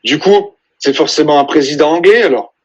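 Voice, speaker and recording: A man competing on a quiz show, thinking out loud, joking and swearing as he guesses. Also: fairly high pitch, fairly quick, slightly rough, lo-fi sound. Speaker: quiz contestant. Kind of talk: joking casual banter.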